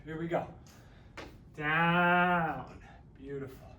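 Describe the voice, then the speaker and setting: A man with a fairly high voice coaches a workout, joking and counting reps as he moves, a little out of breath. He sounds set back from the mic in an echoey, empty room with a faint hum of ambience. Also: fairly even intonation, drawn-out words, bright, forceful tone, far from the mic. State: a little out of breath while exercising. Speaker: fitness instructor. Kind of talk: guided workout instruction.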